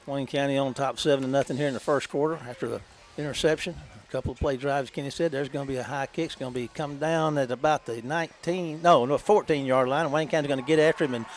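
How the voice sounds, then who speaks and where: A man calling a high school football game on local radio in a folksy, chatty way, laughing easily. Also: fairly even intonation, fast, hardly any pauses, a little hiss or hum. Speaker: play-by-play announcer.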